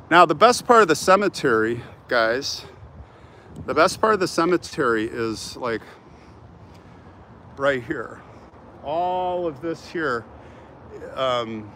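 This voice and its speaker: An older American man hosts a vlog live stream while walking through a large open cemetery, chatting casually with viewers and hopping from remark to remark. His medium-pitched voice sounds pushed and bright. He holds his phone at arm's length, and noisy urban ambience fills the recording.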